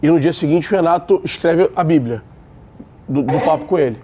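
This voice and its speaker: Rio-accented male panelist, blunt and emphatic, high-pitched voice, studio debate. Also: brisk, darkish tone, a little hiss or hum. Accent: Brazilian Portuguese, Rio de Janeiro. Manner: blunt, emphatic, repeats points.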